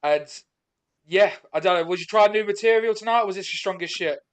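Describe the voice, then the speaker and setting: A man's voice: sits high, brisk, smooth. A man hosting a comedy show on a video call with casual, sweary, matey banter. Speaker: host of comedy gong show.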